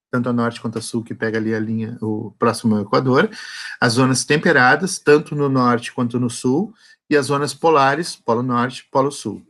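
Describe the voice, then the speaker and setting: A man's voice: medium pitch, fairly bright tone. A man gives a geography lesson online. He explains step by step and keeps checking that his students follow. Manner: explanatory, frequent "tá?" and "né?" check-ins. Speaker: teacher.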